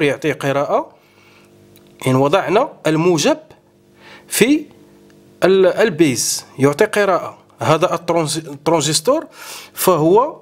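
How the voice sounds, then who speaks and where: A man hosting an electronics tutorial, explaining a hands-on demonstration step by step and often pausing with fillers. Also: fairly high pitch. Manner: explanatory, keeps saying "look" to viewers, frequent hesitations.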